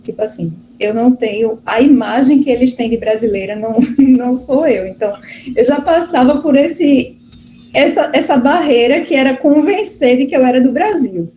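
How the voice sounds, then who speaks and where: A woman's voice: high-pitched, moderate pace, mellow, low-quality recording. A middle-aged woman from Brazil, a guest professor answering interview questions in a chatty way, full of fillers and restarts. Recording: faint background noise.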